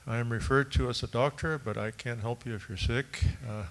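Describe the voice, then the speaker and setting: Gravelly-voiced man introducing himself on a panel. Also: mid-range voice, fairly even intonation, a little fast, fairly bright tone. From Long Beach, California. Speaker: education director.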